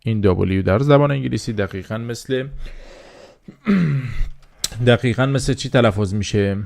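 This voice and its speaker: Man, language teacher, gravelly, lowish voice, patient repetition. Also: darkish tone, no room sound. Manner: slow drilling repetition of words, patient explaining. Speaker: English teacher. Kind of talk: beginner language lesson.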